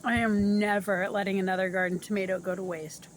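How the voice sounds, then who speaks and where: An enthusiastic woman filming a casual cooking vlog, speaking straight to her viewers in an everyday mid-pitched voice. She sounds chatty and excited. A faint background hiss sits under the recording. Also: a little fast. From Indiana, US. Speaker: family farm vlogger. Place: home kitchen, then outdoors.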